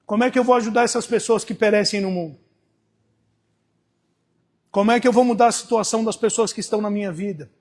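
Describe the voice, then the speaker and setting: A male pastor with a Brazilian Portuguese accent preaching a sermon, dropping to hushed storytelling and rising to shouted exhortation. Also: high-pitched, quick pace, pauses often.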